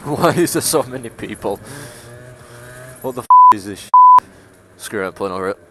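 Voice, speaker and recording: In a low-quality recording, a late-teen Yorkshire motovlogger from England chats casually from his scooter outdoors, laid-back and laughing at times. His lowish voice is expressive, brisk, pushed, and bright, with faint engine and traffic noise underneath.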